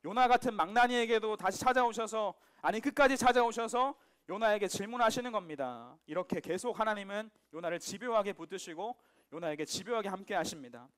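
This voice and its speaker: High-voiced male pastor preaching. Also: a little fast, smooth. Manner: lively, joking, asks the audience questions. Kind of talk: sermon to teenagers.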